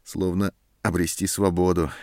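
A man's voice: sits low, little pitch movement, normal speed, a little mellow, no echo, clean studio sound. A man voicing a desperate young man under arrest who pleads in an agitated, strained way. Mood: brooding.

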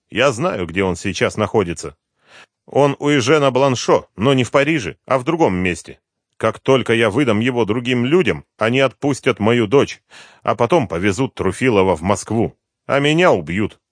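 A man's voice: mid-range voice, no echo, studio quality, voice pushed up, close to an everyday voice. A man voicing a desperate dying ex-agent. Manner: pleading, strained, breaking into coughs. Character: dying desperate middle-aged ex-KGB man.

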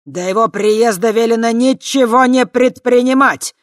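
A reader voicing a pompous, gloating male spirit who guards a magic prison, loud and blustering. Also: medium pitch, moderate pace, dry recording, studio quality, voice pushed up, natural voice. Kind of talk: audiobook character voice.

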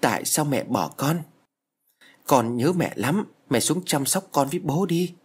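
Sobbing ghost child, plaintive, voiced by a male narrator, husky. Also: on the high side, lively intonation, unhurried, voice pushed up. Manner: plaintive, pleading.

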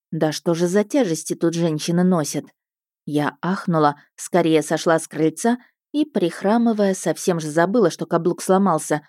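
Woman doing first-person audiobook narration, lowish voice, dry close mic, wry and lively. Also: no echo. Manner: expressive, wry storytelling.

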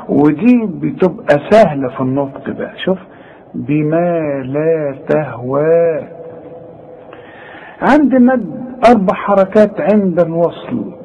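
A middle-aged man with an Egyptian accent teaching a tajweed lesson. He corrects mistakes, chants the verses slowly and explains them briskly. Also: a little high, gravelly, narrow, tinny audio, a little hiss or hum. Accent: Egyptian Arabic. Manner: corrects mistakes, models recitation slowly, then explains quickly. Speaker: Quran recitation teacher.

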